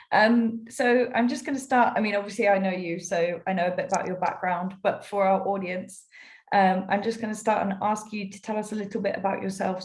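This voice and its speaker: A woman hosting an interview, asking her guest questions in a friendly, encouraging way. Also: medium pitch. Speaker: host.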